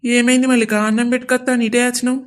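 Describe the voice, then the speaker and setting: A woman voicing a mild young husband who placates everyone in a flat, tired way. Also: fairly high pitch, racing, close to an everyday voice. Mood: weary. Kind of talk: cartoon voice acting.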